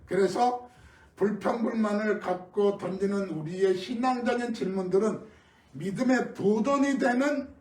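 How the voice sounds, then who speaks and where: A middle-aged man from Korea preaching an early-morning sermon as pastor, telling stories in a conversational way with sudden loud emphases. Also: high voice. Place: church sanctuary. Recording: echoey room, mic at a distance.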